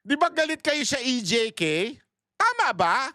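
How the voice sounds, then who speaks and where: A man's voice: very high voice, very animated, measured pace, pushed and bright, dry recording, studio quality. A male vlogger giving mocking, sarcastic political commentary, laughing often and taunting his opponents.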